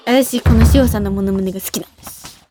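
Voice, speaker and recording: A woman's voice: medium pitch, fast, music in the background. A woman in her twenties hosting a radio show in casual, giggly talk, often laughing at herself. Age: 20s. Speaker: radio show host and idol.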